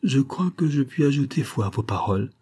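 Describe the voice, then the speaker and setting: A man's voice: mid-range voice, animated, a little fast, dark tone, husky, voice pushed up. A man doing a composed noble lady. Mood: firm.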